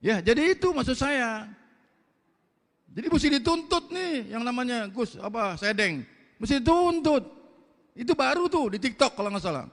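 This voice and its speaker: A man with a Betawi Jakarta accent preaching a fiery sermon, loud, blunt and forceful, with slangy talk. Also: very high-pitched, big pitch swings, normal speed, long reverb tail.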